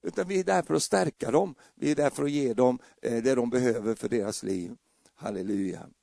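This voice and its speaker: Middle-aged man, gravelly dark-toned preacher, humorous, dry close sound. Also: mid-range voice, no echo. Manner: humorous, acts out scenes with voices. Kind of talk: lively sermon.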